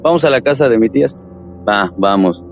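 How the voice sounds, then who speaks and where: A man telling a true ghost story from his family, in a casual, animated way, acting out what his relatives said. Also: medium pitch, fairly quick, highs cut off, soft background music. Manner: animated retelling with quoted voices.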